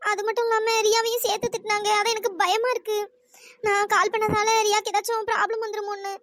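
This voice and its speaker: A woman's voice: extremely high pitch, level tone, fast talker, fairly bright tone. A woman voicing a timid young woman in a cartoon story who pleads and apologizes fearfully.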